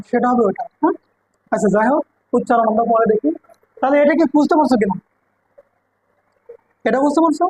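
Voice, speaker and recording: A woman with a Bengali accent leads a coaching-center English lesson in a high, bright voice. She explains grammar step by step and keeps asking her students whether they understand. The sound is close and dry. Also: dry recording, rough recording. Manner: checks understanding with repeated questions to students.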